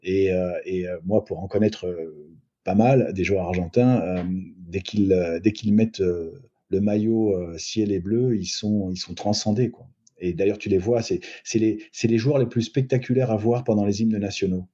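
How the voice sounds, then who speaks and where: A man's voice: fairly low pitch, steady tone, moderate pace, dark tone, husky. A middle-aged man as a podcast guest, giving thoughtful rugby analysis with many hesitations and restarts. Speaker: guest sports agent. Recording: muffled lo-fi recording.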